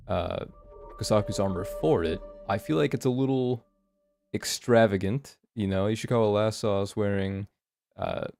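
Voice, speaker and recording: A man's voice: fairly low pitch, vocal fry, a little mellow. A man with an American West Coast accent giving casual, unscripted gameplay commentary, thinking aloud in a hesitant, rambling way. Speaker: gaming host doing a playthrough.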